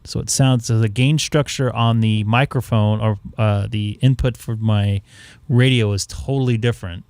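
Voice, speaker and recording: Low-voiced man, halting casual explainer. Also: fairly even intonation, darkish tone, clean tone, dry recording. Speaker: livestream host and ham radio operator. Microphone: studio microphone through mixer.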